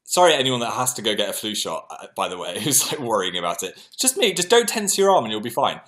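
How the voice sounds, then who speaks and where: Animated British man telling stories. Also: on the low side, fast talker. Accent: British English. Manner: animated, self-mocking, chatty anecdotes. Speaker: livestream host. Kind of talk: casual storytelling to viewers.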